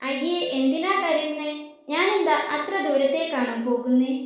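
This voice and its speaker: Gentle young man, read by a woman. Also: high voice, moderate pace, lightly acted. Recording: very echoey room.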